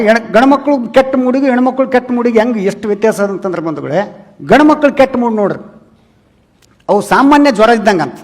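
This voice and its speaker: A man with a very high, light voice and a North Karnataka Kannada accent performs stand-up comedy. He tells chatty stories and keeps turning to address the audience directly. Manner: chatty storytelling, repeatedly calls the audience "relatives". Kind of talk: humorous stage talk to a live audience.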